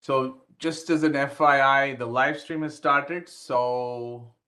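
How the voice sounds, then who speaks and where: A man running a live-streamed panel over a video call, explaining things helpfully with small restarts. His voice is bright and forward at an ordinary middle pitch. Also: steady tone. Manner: helpful, slightly halting with restarts. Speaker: event organizer. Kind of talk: casual video-call chat. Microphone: computer mic on a video call.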